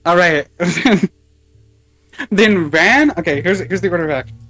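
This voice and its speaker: A man playing a tabletop game, halting and thinking aloud about his moves. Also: high-pitched, fairly bright tone, soft background music. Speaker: player. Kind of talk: casual tabletop play.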